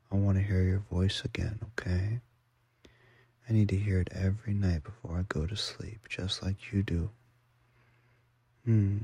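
A man murmurs in a breathy half-whisper, gentle and affectionate, as if lulling someone to sleep. His low voice is gravelly and husky, and he drawls each word very slowly on an almost flat pitch. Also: no room sound. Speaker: boyfriend roleplay ASMR performer. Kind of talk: ASMR roleplay, soft and soothing.

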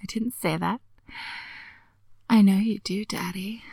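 A woman voicing a playful, teasing young woman just out of school, talking close to the mic in a breathy whisper with frequent giggles. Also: medium pitch, fairly even intonation, darkish tone, dry recording. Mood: whispery teasing. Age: young adult. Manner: giggly, coaxing, slow and drawn-out. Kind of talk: intimate audio roleplay.

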